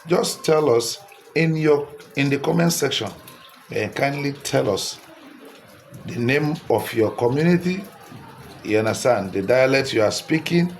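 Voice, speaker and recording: A man's voice: medium pitch, slight background noise. A Nigerian man talking straight to his viewers in a casual vlog, repeating himself and coaxing them to comment. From Delta State, Nigeria. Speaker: social media creator. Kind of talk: casual direct-to-camera vlog.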